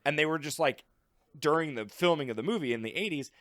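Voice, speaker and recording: A man co-hosting a film podcast, talking in a rambling, animated way with lots of fillers and laughs. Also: on the high side, fast, no room sound. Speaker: podcast co-host. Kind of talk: casual film discussion.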